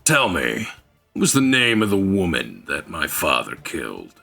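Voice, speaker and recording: A man voicing a cruel young male villain, speaking in low, slow, sneering threats. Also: wildly swooping pitch, gravelly, pushed and bright, soft background music, heavily acted. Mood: menacing.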